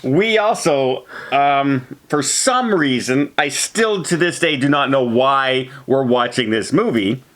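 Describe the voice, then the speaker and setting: Male review co-host, medium pitch, informal chatty retelling. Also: expressive, slow pace, hardly any pauses, fairly bright tone. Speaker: co-host of a movie review channel. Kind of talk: casual chat, loosely retelling a film.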